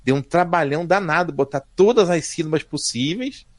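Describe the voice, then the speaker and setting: A man, telling stories as a podcast guest in a lively, slangy way. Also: a little high, normal speed, dry recording. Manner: lively and slangy, voice rising and falling. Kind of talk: casual storytelling chat.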